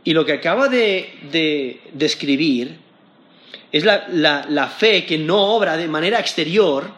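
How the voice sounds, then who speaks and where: A man preaching a sermon, teaching from scripture and rising to emphatic high points when he quotes it. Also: lively intonation, unhurried, fairly bright tone, roomy sound.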